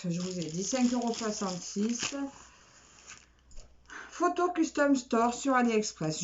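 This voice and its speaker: A woman talks slowly and unhurriedly while unboxing craft kits at home, musing aloud, repeating small words and filling pauses. The recording is dull and lo-fi, with a faint hiss underneath. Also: mid-range voice, darkish tone. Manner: chatty, repeats words, many "alors" fillers. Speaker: craft vlogger. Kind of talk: casual unboxing chat.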